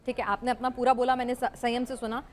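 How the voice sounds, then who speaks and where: A woman hosting a heated televised debate. Her voice sits high, and she keeps pressing for a few seconds to speak. Her manner is persistent and pleading rather than forceful. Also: flat delivery. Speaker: TV debate host.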